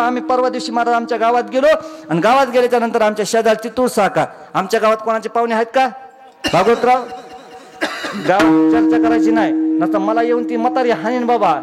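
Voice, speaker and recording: A man preaching a comedic devotional kirtan, telling lively stories and often calling out to the crowd. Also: very high-pitched, brisk. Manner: animated storytelling, acting out each character; often addresses the crowd as maharaj and baba.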